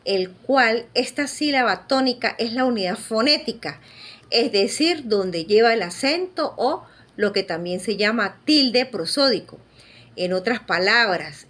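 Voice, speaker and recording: A woman's voice: fairly high pitch, fairly bright tone. A woman teacher giving a recorded lecture, explaining step by step in a patient way and often checking in with the listeners.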